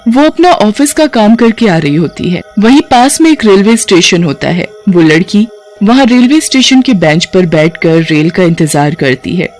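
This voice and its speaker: Woman telling a cartoon story, steady tone, faint music under. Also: mid-range voice, normal speed. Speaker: narrator. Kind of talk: storybook narration.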